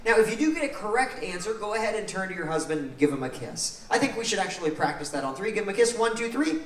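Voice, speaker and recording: A man hosting a game show in lively banter with a live audience, jokey and teasing. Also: sits high, quick pace. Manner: jokey, teasing, playing to the crowd. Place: large echoing venue with live audience. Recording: roomy, distant mic, noisy audience. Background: crowd noise and laughter.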